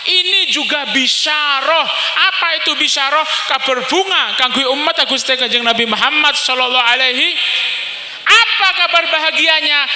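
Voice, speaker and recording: A man preaching a lively, story-driven sermon to a live congregation. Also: very high-pitched. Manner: storytelling, animated, mixing in regional words. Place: large hall with a live congregation. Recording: echoey hall, faint ambience.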